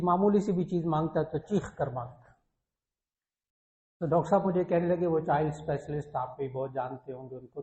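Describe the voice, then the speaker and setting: A man's voice: fairly high pitch, darkish tone. A man with a Pakistani Urdu accent, a religious scholar giving a sermon, telling stories earnestly and repeating his key points for emphasis. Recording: echoey, dull lo-fi recording.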